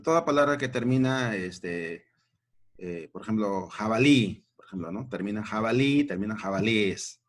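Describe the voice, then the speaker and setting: A fairly low-voiced man teaches grammar to children, restating every point and pausing for quick check-in questions.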